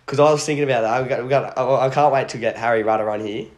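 A man's voice: medium pitch, rapid-fire. A young man with an Australian accent hosting a podcast in casual chat, with blokey, laid-back, slangy banter. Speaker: podcast host. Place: at home, phone on a table. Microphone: phone lying on table.

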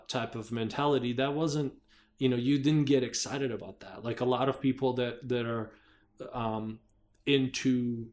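A man co-hosting a podcast, talking casually in a rambling, hesitant way with lots of fillers and restarts. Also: mid-range voice. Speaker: podcast co-host. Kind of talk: casual chat.

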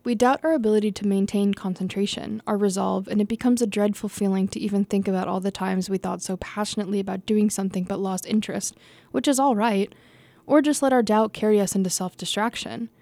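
A young woman reads her own essay aloud at an even, middling pitch, her tone dark and mellow. The recording is close and dry. She sounds casual and easygoing, restarting lines and laughing at her own stumbles. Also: quick pace, creaky, dry recording. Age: young adult. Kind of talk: reading an essay aloud with unscripted asides.

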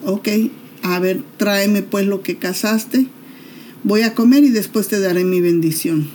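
An aged, grave father from a storybook Bible tale, put on by a woman narrator. Mellow and unhurried, with a solemn, measured way of speaking. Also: medium pitch, slight background noise, natural voice. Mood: gentle.

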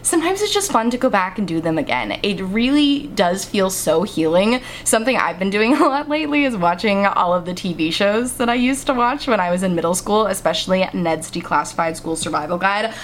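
A woman's voice: mid-range voice, lively intonation, a little fast, hardly any pauses, a little hiss or hum. A woman in her twenties hosting a casual solo podcast in a bubbly, chatty way, speaking right up close to the microphone as if into your ear. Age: 20s. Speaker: podcast host.

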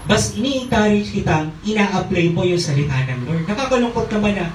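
Speaking briskly and animatedly in a high voice, a pastor on a handheld mic delivers a call-and-response sermon full of hallelujahs and amens. The church hall sounds echoey and distant, with a little hiss or hum.

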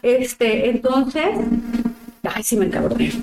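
A woman with a Mexican Spanish accent chats casually, frank and full of slang. Her voice sits a bit high. The room gives it a roomy echo. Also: takes it slowly, very noisy. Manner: frank, slangy, animated storytelling. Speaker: podcast co-host. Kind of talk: casual chat.

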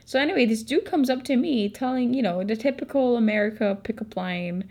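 A woman's voice: fairly high pitch, fairly quick, darkish tone. A young woman in her twenties with a Filipino accent, telling a story in a chatty, candid way and swearing often. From Philippines. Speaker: vlogger. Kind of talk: casual storytelling.

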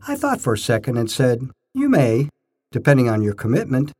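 Reading his own scripted tales of personal experience, an older man speaks in brief, measured phrases, stressing words like a storyteller. His medium pitch swoops wildly, and the voice is husky and a little mellow.

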